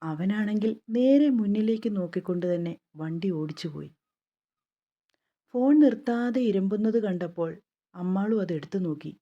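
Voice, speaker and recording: Woman reading a novel, mellow voice. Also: mid-range voice, lively intonation, moderate pace, highs cut off. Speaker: narrator.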